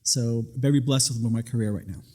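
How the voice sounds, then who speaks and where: A man's voice: medium pitch, fairly even intonation, a little fast, mellow. A middle-aged man from the Bronx, New York, giving conversational interview answers as a military guest. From Bronx, New York, USA. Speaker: guest, Air National Guard first sergeant.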